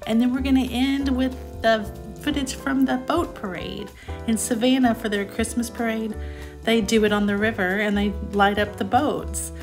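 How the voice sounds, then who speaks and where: A woman's voice: a little high, fairly even intonation, moderate pace, over music. A middle-aged woman casually showing her thrift store finds on a tabletop, chatty and upbeat, with plenty of fillers. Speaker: thrift haul vlogger. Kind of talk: casual haul show-and-tell. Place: indoors at a table.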